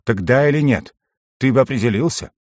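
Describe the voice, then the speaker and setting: A man's voice: medium pitch, fairly quick, a little mellow, no echo, pitched above the performer's own voice, lightly acted. A man voicing a cheeky, talkative male goblin jester with a teasing, sarcastic manner, in a dry audiobook read.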